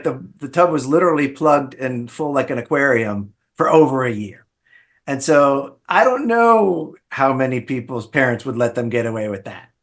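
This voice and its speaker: A middle-aged man at a mid-range pitch, spinning loose, anecdotal stories about his childhood. He restarts sentences often and drifts between details as he chats with a host. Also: fairly bright tone. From Bahamas-born, raised in South Florida. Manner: rambling anecdotal storyteller with frequent restarts. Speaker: podcast guest, ER physician. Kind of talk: casual storytelling interview.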